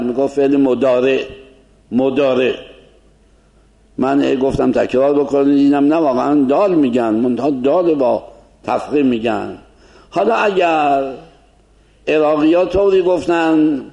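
A man's voice: mid-range voice, creaky, dark tone, highs cut off. A man giving an informal lecture to a class, explaining conversationally and asking rhetorical questions.

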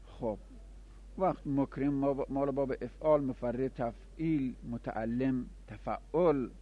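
Man teaching a methodical grammar lesson. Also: mid-range voice. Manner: explains step by step, repeats terms, asks and answers his own questions. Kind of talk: classroom lesson on Arabic grammar. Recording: dull lo-fi recording.

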